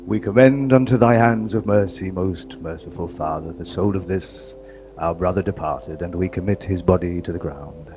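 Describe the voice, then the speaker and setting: Guy playing solemn priest at a burial, real low n measured, stage play, noisy hummy recording. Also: darkish tone, natural voice. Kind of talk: live stage drama. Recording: noisy, humming live recording.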